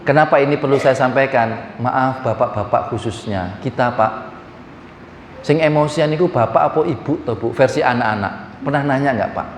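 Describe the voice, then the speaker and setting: A man preaching a sermon with an East Javanese accent, lively and joking, often acting out little voices and speaking straight to the audience. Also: medium pitch, normal speed, slight background noise. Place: hall. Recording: echoey hall from far off.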